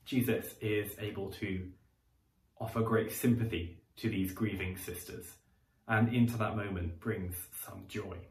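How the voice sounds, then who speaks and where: A man giving a sermon, speaking in a conversational, reflective way with pauses and fillers, in a church. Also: on the low side, steady tone. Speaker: preacher. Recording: roomy echo, distant mic.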